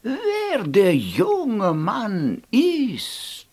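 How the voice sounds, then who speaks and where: The storyteller voicing a kindly old male god who speaks slowly and with dignity. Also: medium pitch, wildly swooping pitch, a little mellow, husky, pitched above the performer's own voice, full character voice. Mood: gracious. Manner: slow, measured, gracious.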